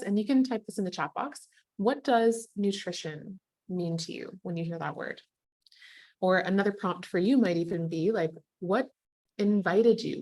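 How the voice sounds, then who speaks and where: A young adult woman teaching an online nutrition master class, warm and affirming, with casual filler words. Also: medium pitch, no echo. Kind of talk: live webinar teaching, reading chat comments.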